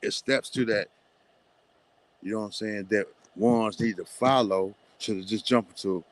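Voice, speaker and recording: A man appearing as a guest in a loose, casual conversation. He talks in an animated way, leaning on the same filler phrases again and again and sometimes stuttering over his words. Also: lowish voice, measured pace, slight background noise.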